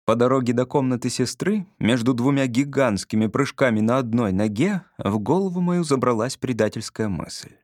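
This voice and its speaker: A man reading a story aloud in a measured, expressive way. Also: medium pitch, dry recording, studio quality. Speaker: audiobook reader.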